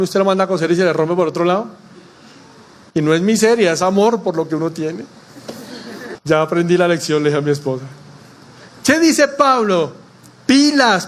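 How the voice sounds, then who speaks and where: A man, a pastor preaching a sermon, posing rhetorical questions to the congregation and mixing in folksy anecdotes and humor. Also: high voice.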